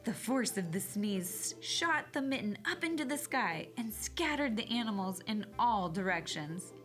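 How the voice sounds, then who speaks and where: A woman reading a children's story aloud in an expressive, measured way, emphasizing key words for young listeners. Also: medium pitch.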